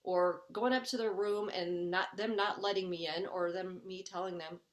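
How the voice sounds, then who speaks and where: A woman's voice: lowish voice, fairly even intonation, moderate pace. A middle-aged woman life coach teaching a webinar for parents. She is earnest and conversational, often checks in with "okay?", and acts out her own inner voice as she explains each step.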